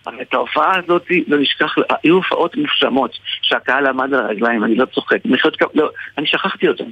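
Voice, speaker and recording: A man with an Israeli accent tells an anecdote casually, haltingly, repeating and restarting his phrases. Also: mid-range voice, slightly rough, dry recording. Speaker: guest, stage performer. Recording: muffled radio or phone-like sound, dry.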